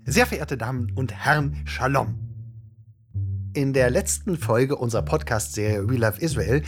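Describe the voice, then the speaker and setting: A man's voice: medium pitch, normal speed. A man giving scripted podcast narration in a formal, announcer-like way, with faint music behind him.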